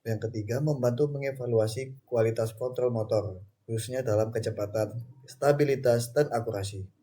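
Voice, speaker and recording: A man's voice: medium pitch, moderate pace, warm tone. A young man from Indonesia, a student reading through his class slides in short phrases, with small restarts and "okay, next" between them. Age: young adult. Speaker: student presenter.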